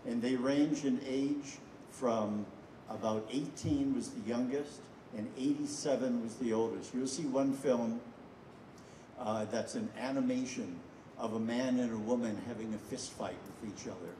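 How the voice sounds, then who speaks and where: An older man speaks to a festival crowd, drifting through anecdotes with many hesitations. His voice sits at an ordinary pitch and comes from well away from the microphone. The hall echoes around him with a steady rumble underneath. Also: recorded from a distance. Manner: rambling and anecdotal, frequent "uh" pauses. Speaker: filmmaker introducing a screening. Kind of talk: storytelling speech to an audience.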